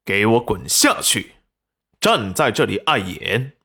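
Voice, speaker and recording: A man voicing a doting young husband who is patient and coaxing, with a soft, soothing way of talking. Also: on the low side, very animated, slow, breathy edge, exaggerated voice.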